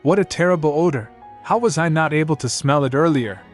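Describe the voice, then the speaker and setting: Brief: man reading as a worried young princess, earnest, mid-pitched, soft music faintly behind. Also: normal speed, close to an everyday voice. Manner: earnest, fretful inner thoughts. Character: anxious young princess, woman.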